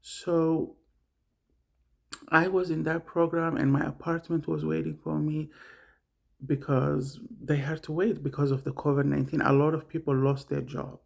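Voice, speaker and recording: A middle-aged Somali man, a vlogger, talks casually about his own experience in a rambling monologue, repeating himself as he hunts for words. His voice is slightly high and darkish, with a level tone, moderate pace, and vocal fry.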